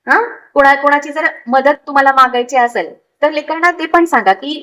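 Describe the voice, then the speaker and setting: High-voiced woman giving parenting advice. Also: a little fast, fairly bright tone, low-quality recording. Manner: instructive, with a frequent "thik aahe" and rhetorical questions. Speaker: parenting counsellor.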